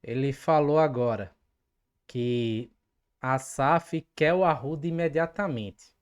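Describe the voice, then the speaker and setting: A woman's voice: extremely low pitch, slow, darkish tone, clean tone. A woman hosting a fan channel, commenting emphatically and with indignation, speaking straight to her viewers. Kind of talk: opinionated commentary vlog.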